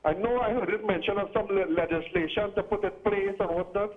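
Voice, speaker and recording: A man calling in to a talk show, his voice muffled and breaking up over the phone line as he asks his question deliberately, restarting and correcting himself. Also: sits high. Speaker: radio call-in caller.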